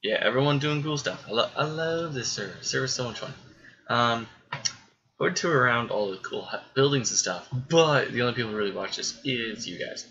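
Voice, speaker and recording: A man's voice: medium pitch, fairly quick, pushed and bright, lo-fi sound. A man muttering to himself and chuckling as he builds, giving casual gameplay commentary. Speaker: gameplay streamer.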